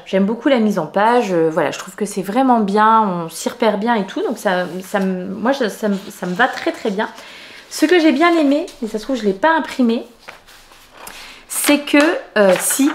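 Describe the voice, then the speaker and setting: A woman hosting a knitting video podcast, talking casually at home with many fillers and restarts. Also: medium pitch. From France. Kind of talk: casual chat.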